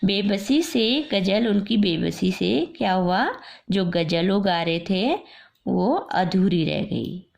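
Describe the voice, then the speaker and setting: A woman's voice: mid-range voice, expressive, creaky, a little mellow. A woman teacher reading a story aloud to a primary-school class, going back over each line and explaining what the words mean. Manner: slow patient explaining, repeating lines and defining words.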